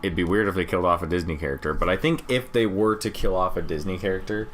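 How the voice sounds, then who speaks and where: A young man with a deep voice talks casually, like a fan reviewing a game trailer. There is some background noise around his voice. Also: quick pace. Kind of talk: casual chat. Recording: steady background room noise.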